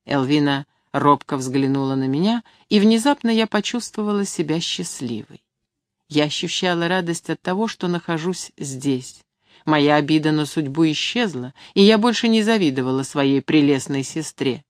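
Calm woman reading a novel aloud. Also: low-pitched, normal speed, no echo, clean studio sound. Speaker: audiobook reader. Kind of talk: scripted narration.

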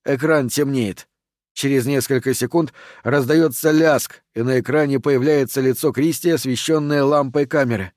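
A man narrating a horror audiobook in an even, steady reading voice. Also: medium pitch, normal speed, no echo, clean studio sound.

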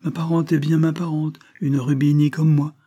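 A man's voice: fairly high pitch, little pitch movement, moderate pace, warm tone, pitched above the performer's own voice, natural voice. A man voicing an effusive, ingratiating foreign count. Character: smooth foreign gentleman, feigned naive count.

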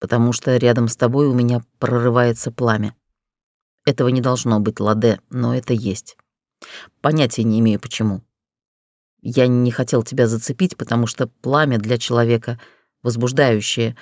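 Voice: medium pitch, little pitch movement, moderate pace, a little mellow, no room sound, pitched below the performer's own voice, natural voice. An audiobook reader voicing a cocky, blunt dragon man, speaking in dry, teasing banter. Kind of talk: audiobook character dialogue.

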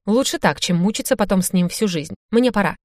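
A woman's voice: lively intonation, brisk, darkish tone, no echo, clean studio sound, lightly acted. A woman reading an audiobook voices a big male thug student who whines and panics in a raised, strained voice. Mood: callous. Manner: whining, panicky, high-strung.

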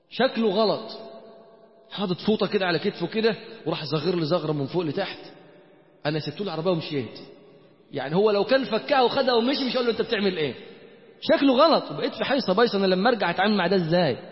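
A man preaches with an Egyptian accent, his voice pitched high and racing along. He keeps throwing rhetorical questions at the congregation. The recording is muffled and rings with a long reverb, as if in a mosque hall. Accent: Egyptian Arabic. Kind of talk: sermon.

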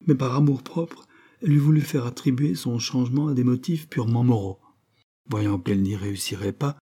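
A man reading a classic novel aloud as an audiobook narrator, in a measured, even delivery. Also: fairly low pitch, breathy edge. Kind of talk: literary reading.

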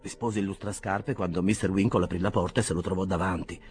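A man reading a classic novel aloud as scripted narration, animated storytelling. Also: deep voice, quick pace, faint music behind. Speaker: audiobook reader.

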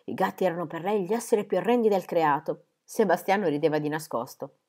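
A woman reading a children's novel aloud with dramatic, expressive delivery. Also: lowish voice, fast. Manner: animated, dramatic. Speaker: reader.

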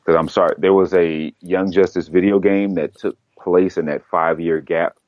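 A man with an extremely deep, low voice chats casually as a podcast co-host about comics news. He rambles and restarts his sentences often. The sound is dry and a little dull, with no room echo. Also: fairly even intonation, normal speed, a little mellow. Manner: rambling, self-correcting, laughs easily.

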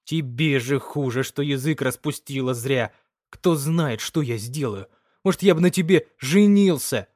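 A man reading the part of a gruff, anxious young peasant in an audiobook. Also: mid-range voice, expressive, normal speed, dry recording, clean studio sound, lightly acted. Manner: gruff and curt.

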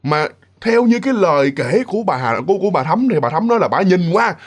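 Male ghost-story narrator, animated, higher voice, talks straight to listeners. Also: quick pace, slightly rough. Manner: animated, repetitive, addresses listeners.

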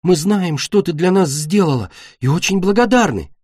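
A man's voice: sits high, lively intonation, normal speed, husky, dry recording, studio quality, voice pushed up. A man voicing a sweet little dragon girl. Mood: earnest. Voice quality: soft, earnest. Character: small sweet young female dragon, kind.

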